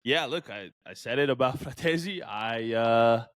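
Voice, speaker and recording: A man's voice: mid-range voice, expressive, moderate pace, no echo. A man co-hosting a casual sports podcast, talking enthusiastically in a loose, filler-heavy way. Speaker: podcast co-host.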